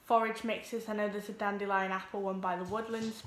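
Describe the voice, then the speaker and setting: A teenage girl talks to her camera at home. She sounds nervous, rushes along and fills gaps with ums. Her voice sits in a middle pitch, and the room around her is echoey. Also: little pitch movement, a little hiss or hum. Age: teens. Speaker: vlogger. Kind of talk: casual vlog introduction.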